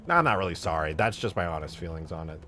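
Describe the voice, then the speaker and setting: Young male streamer, lowish voice, profane rant veering from mutters to outbursts, faint music under. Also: very animated, fast talker. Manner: profane, exasperated, swings from mutters to loud outbursts. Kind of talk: ranting stream chat.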